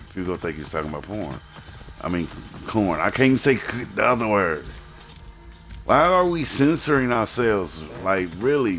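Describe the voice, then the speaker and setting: A man's voice: deep voice, fairly bright tone. A man ranting heatedly on a live stream, swearing often and repeating his points. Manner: heated, profane, repetitive ranting.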